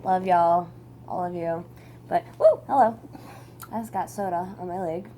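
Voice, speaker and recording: A woman's voice: lowish voice, steady tone, normal speed, mellow. Casting: young female vlogger, playful and teasing, swears freely, casual to-camera chat, slight noise on an amateur home recording.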